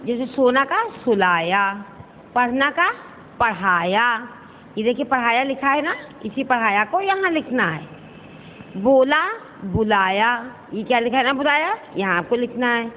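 A woman's voice: on the high side, expressive, big-room sound, slight background noise. Patient teacher woman, tinny phone audio. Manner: patient, addresses pupils as "beta", repeats slowly for dictation. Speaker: school teacher. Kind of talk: online class lesson.

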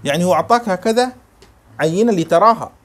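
Male law teacher, reads slowly, quizzes his class. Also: high voice, animated, a bit bright. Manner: reads text slowly, then explains with questions to students. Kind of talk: classroom lesson explaining a text.

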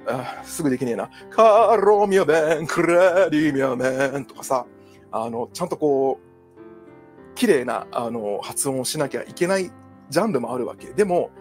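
A Japanese man who works as a psychological counselor talks casually on his own, chatty and digressive, with many fillers and asides. His mid-range, slightly mellow voice swings widely in pitch at a normal speed. Soft music plays in the background.

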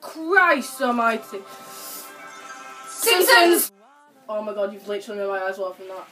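A woman hosting a casual challenge vlog, chatting excitably with giggles and exclamations. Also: mid-range voice, moderate pace. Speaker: video host. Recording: distant mic with background music.

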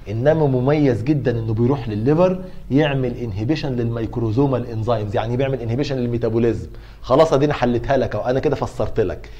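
A man's voice: medium pitch, dark tone, dull audio. A middle-aged man with an Egyptian accent giving a university pharmacology lecture, asking and answering his own questions to coax his students along. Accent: Egyptian Arabic.

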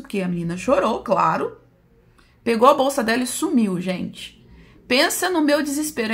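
A woman's voice: mid-range voice, creaky, a bit bright. Brazilian woman recounting a painful past. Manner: emotional, addresses viewers as "gente". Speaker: psychoanalyst channel host. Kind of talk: personal storytelling to viewers.

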